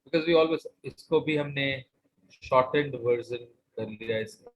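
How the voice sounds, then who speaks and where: A man's voice: medium pitch, racing, muffled recording. A man with a North Indian accent teaching an online maths class, explaining step by step and checking understanding as he goes. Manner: switches between Hindi and English, asks check questions.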